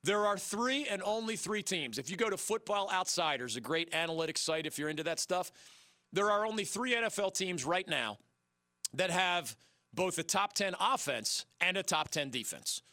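Energetic man hosting sports talk radio. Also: sits high, dry recording. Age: middle-aged. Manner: energetic, emphatic, quick asides. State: losing his voice.

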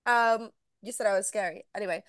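A woman's voice: medium pitch, brisk, fairly bright tone, clean tone, dry recording, studio quality. A young woman hosting a podcast, chatting casually and teasing, laughing often. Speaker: podcast host. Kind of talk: casual chat.

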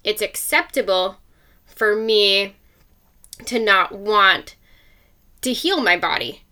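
A woman's voice: medium pitch, lively intonation, slow pace, pushed and bright. A woman hosting a podcast, delivering a blunt motivational monologue full of rhetorical questions. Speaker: podcast host.

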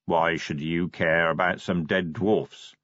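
A man voicing a calm, mysterious male sage who speaks slowly and in measured tones. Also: no room sound. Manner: slow, measured, deep, enigmatic. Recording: dry, slightly dull audiobook sound.

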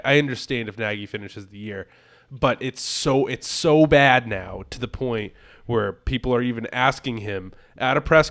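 A man's voice: mid-range voice, a bit bright. A man co-hosting a casual sports podcast, rambling and restarting his sentences as he talks. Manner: rambling, repeats words when starting a thought. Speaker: podcast co-host.

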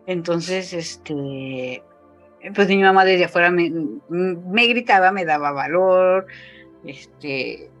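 Speaking slowly in a lowish voice, this fifty-something woman with a Mexican accent shares an emotional personal story in a relaxed interview. The recording is muffled under soft background music, and her voice climbs when she quotes others amid frequent fillers.

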